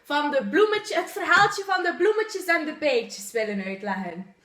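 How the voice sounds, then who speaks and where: A woman's voice: high-pitched, expressive, normal speed, a bit bright. A young woman hosting a casual question-and-answer vlog in a playful, teasing way. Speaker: vlogger host. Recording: echoey room.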